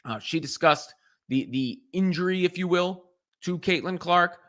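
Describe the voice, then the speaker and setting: Bright, high-voiced male sports commentator. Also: a little slow. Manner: earnest, repeats and restarts phrases while thinking. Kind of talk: solo sports reaction commentary.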